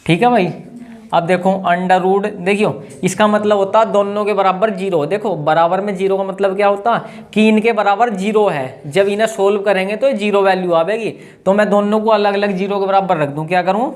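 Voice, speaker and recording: A high-voiced man teaches a math class with a tinge. He works through each step aloud and keeps asking his students questions. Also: steady tone, a little fast. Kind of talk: classroom lesson.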